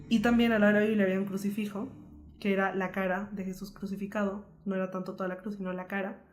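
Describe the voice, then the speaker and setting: A young woman from Colombia talks quickly and earnestly as she tells her own painful story. Her delivery flows without pause, lively and candid, like a co-host opening up on a podcast. Her voice sits at an ordinary middle pitch for a woman. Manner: earnest, fast-flowing, lively retelling.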